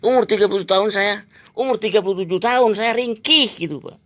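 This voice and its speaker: A man's voice: sits high, fast, a bit bright, dry recording. A man, telling a long rambling story and dropping "gitu" and "Pak" again and again. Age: 70s. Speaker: exercise teacher. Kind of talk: casual storytelling to an interviewer.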